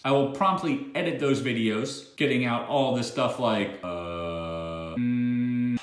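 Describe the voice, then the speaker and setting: A man with a mid-range voice talks to viewers as the host of a video. The delivery is conversational, like a vlog introduction, and the room adds clear echo. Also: mid-range voice, a bit bright.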